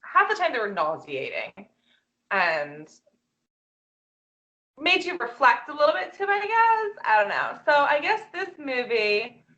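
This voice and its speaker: A woman co-hosting a casual review chat in an exclamatory, halting way with mimicking asides, on a slightly dull recording. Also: high voice, very animated, sharp tone. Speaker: podcast co-host.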